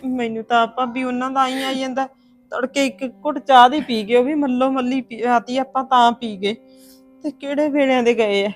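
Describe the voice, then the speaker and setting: A high-pitched, gently reassuring woman, played by an actress who comforts a grieving relative in a family drama. She talks things through patiently, with soft music faint in the background. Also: steady tone, moderate pace, natural voice. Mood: soothing. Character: steady woman comforting her grieving sister-in-law. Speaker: consoling sister-in-law. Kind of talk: Punjabi family drama acting.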